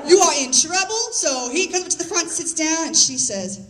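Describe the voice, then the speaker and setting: High-voiced woman doing stand-up. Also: moderate pace, heavy background noise. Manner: animated storytelling with voiced quotes. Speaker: stand-up comic. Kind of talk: stand-up comedy set. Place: comedy club stage. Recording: live club set, loud crowd laughter, mic distance.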